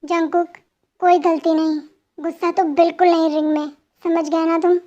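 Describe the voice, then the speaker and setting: A woman's voice: very high voice, level tone, normal speed, warm tone, highs cut off. A woman voicing a strict male boxing coach who lectures firmly in an amateur fan dub. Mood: stern. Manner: firm, lecturing.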